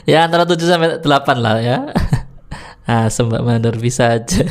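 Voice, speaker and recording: A man's voice: medium pitch, moderate pace. Giggly man chatting through reaction clips. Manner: giggly, chatty, frequent laughter. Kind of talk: casual reaction commentary.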